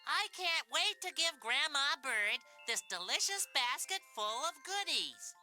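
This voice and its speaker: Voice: high-pitched, very animated, measured pace, sharp tone, faint music behind, heavily acted. An actor voicing a sweet, cheerful young bird in a children's storybook, with a wide-eyed, singsong manner.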